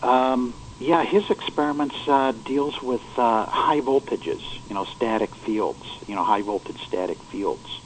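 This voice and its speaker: A man on the phone as a guest on a call-in radio show, speaking quietly and explaining haltingly with many fillers. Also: mid-range voice, slight background noise, rough recording. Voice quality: quiet, hard to hear on the line. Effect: over the phone.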